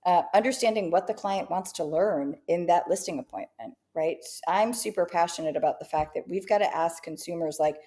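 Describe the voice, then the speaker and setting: A woman co-hosts a business podcast, speaking a little fast with a lowish, mellow voice and hardly any pauses. She's upbeat and casual, often tagging her points with "right?" to check in.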